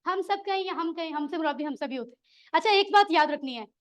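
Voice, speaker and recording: This Quran Arabic teacher speaks quickly in an extremely high, expressive voice. During her classroom lesson she encourages the students and quizzes them with questions.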